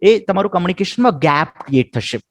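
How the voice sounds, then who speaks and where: An Indian-accented man teaches an English-skills webinar over a computer mic. He talks in a high, lively voice that jumps around as he mixes Gujarati with English. He keeps checking in with "right?", and the sound is close and dry. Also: quick pace, no echo. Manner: ends nearly every point with a coaxing "right?".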